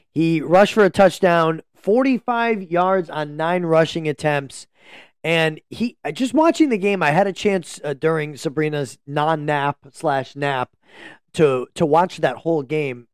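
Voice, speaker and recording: A man's voice: fairly high pitch, clear, resonant tone, no room sound, studio quality. A man co-hosting a casual sports podcast, talking through games in a meandering, joking way into a podcast microphone. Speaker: podcast co-host.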